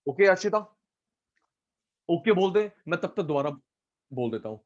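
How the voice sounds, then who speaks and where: A man's voice: sits high, sing-song, normal speed, highs cut off. A man teaching an online economics class, repeating points and coaxing students by name.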